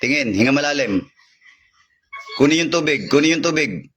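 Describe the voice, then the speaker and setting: A man's voice: a little high, lively intonation, a bit bright, a little hiss or hum. A man from the Philippines leading a healing session over a call, repeating short commands in a chanting rhythm and droning through Latin prayers. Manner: recites Latin prayers in a rapid drone. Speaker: faith healer.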